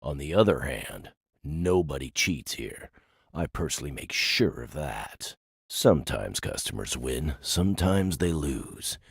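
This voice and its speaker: An actor playing a calm, menacing man who runs a gambling den in a video game, speaking in a measured, matter-of-fact way. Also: extremely low pitch, vocal fry, breathy edge, no room sound, clean studio sound, exaggerated voice. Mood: cool.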